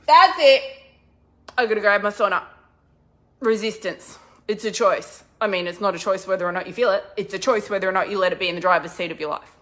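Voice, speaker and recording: A middle-aged woman business coach giving an energetic, chatty motivational talk with a faith-based slant. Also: medium pitch.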